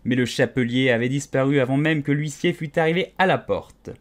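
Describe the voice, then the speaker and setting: A man narrating a storybook audiobook in a soft, measured reading voice. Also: medium pitch.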